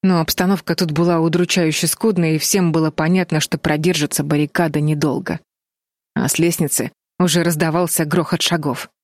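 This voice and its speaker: Woman audiobook narrator, lowish voice, steady dramatic read. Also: a little fast, no room sound, clean studio sound. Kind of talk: scripted narration.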